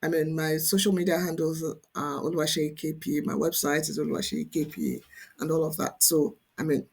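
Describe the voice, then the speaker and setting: A woman with a low-pitched voice and a breathy edge presents an online screen-share tutorial as a coach. She explains things conversationally and emphatically, often checking in with the listener.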